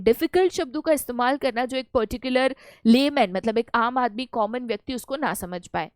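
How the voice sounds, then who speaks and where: Young Indian female teacher, high clear voice, dry close sound, animated and playful. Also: dry recording. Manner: lively, acts out little scenes with playful voices. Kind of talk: online lecture in Hindi mixed with English.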